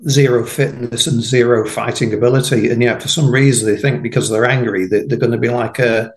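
Man in his sixties, guest on a podcast, casual and halting, mid-pitched voice. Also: fairly even intonation, low-quality recording. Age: 60s. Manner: halting, many repeated starts. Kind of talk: casual conversation.

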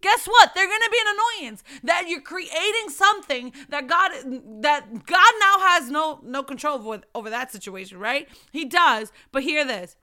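Speaking in a high, lively voice at normal speed and with few pauses, a young woman preaches informally to other mothers. She alternates quiet, reflective testimony with loud calls to action, leaning on repeated rhetorical questions and fervent appeals.

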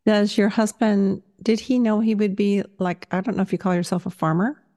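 A woman's voice: mid-range voice, fairly even intonation, moderate pace, dark tone. A woman in her seventies hosting a faith podcast, speaking in an encouraging way and laughing along with her guest. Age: 70s. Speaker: podcast host.

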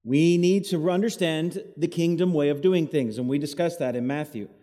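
A man's voice: fairly high pitch, normal speed, dark tone. A man preaching an evening sermon as associate pastor, leading call-and-response with the congregation, his voice echoing as if in a cave. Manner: call-and-response preaching, has the crowd repeat after him. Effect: cave-like echo. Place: church hall, evening service. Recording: echoey church hall, cave-like reverb.

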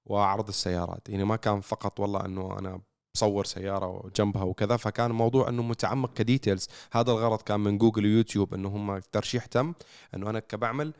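A man with a Levantine accent chatting casually as a co-host, halting and grateful in manner. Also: on the low side, fairly even intonation, creaky, a little mellow, clear, resonant tone, no echo, clean studio sound. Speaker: car content creator and show co-host. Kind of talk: casual podcast chat.

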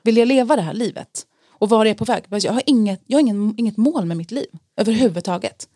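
A woman telling her personal story in an interview, earnest and reflective, pausing often with fillers. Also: fairly high pitch, expressive, dark tone, breathy edge, no room sound, studio quality. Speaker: interview guest sharing testimony. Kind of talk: personal testimony in conversation.

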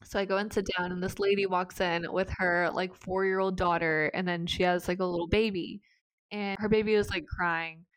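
A woman's voice: on the low side, flat delivery, normal speed, clear, resonant tone, rough recording. A young woman in her twenties, co-hosting a podcast, telling a funny story in casual chat with lots of laughter and filler words. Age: 20s. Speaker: podcast co-host.

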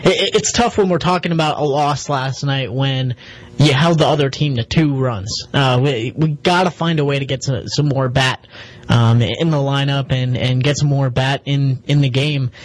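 A man co-hosting a casual sports radio show, halting and repeating words as he talks. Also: medium pitch, no room sound, poor audio.

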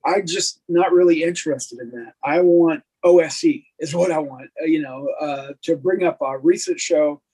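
A middle-aged man co-hosts a tabletop game podcast in a loose, meandering way, full of fillers and self-deprecating asides. His voice is breathy and husky, pitched a little high for a man. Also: moderate pace, few pauses, warm tone, low-quality recording. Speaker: podcast co-host. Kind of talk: casual chat.

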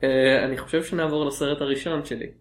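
A man's voice: mid-range voice, fairly even intonation, roomy sound. A man co-hosting a podcast, chatting casually about films with wry, playful banter. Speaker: podcast co-host.

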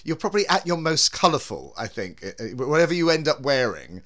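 A man's voice: on the high side, sing-song, fairly quick, a bit bright. A man hosting a podcast as a drag performer, with a camp, theatrical way of talking. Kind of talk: theatrical show introduction and casual chat.

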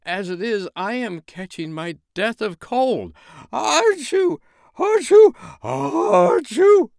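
A man voicing a cheerful, bossy snowman with a cold, in a raised voice with drawn-out words and loud sneezing fits. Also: sits high, clear, resonant tone, no echo, studio quality, voice pushed up. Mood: complaining.

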